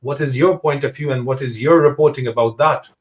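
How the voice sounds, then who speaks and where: A man's voice: mid-range voice, fairly even intonation, fairly quick. A man hosting a political discussion interview, probing his guest and often interjecting short acknowledgements. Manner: probing, with frequent brief acknowledgements. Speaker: host.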